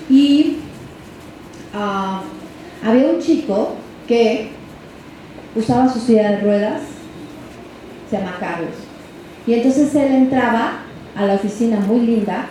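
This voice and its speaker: A woman's voice: mid-range voice, warm tone. A middle-aged woman with a Mexican accent giving a workshop lecture to parents, chatty and checking in with tag questions. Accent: Mexican Spanish. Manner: conversational, ends phrases with tag questions to the audience. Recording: echoey room with faint background noise.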